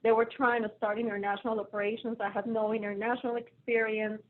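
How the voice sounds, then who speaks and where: Speaking fast in a slightly high, flat voice, this guest, a finance executive from Colombia with a Colombian Spanish accent, chats in a casual remote interview and jokes at her own expense. The sound is narrow and phone-like, coming through a video call.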